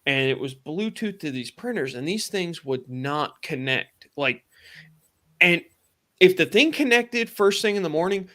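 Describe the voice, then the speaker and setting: A man with a bright, slightly high voice tells a work story on a casual live stream. He jumps into quoted dialogue with rising excitement and loose, chatty phrasing. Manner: animated retelling, acts out quoted dialogue in a higher, excited voice. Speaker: podcast host.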